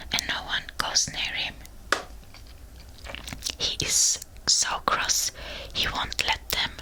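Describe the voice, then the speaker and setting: Slow whispering woman reading a storybook, ASMR. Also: high voice, rough recording. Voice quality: breathy unvoiced whisper. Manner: slow, soft, deliberate storybook narration. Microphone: close binaural ear-to-ear microphone.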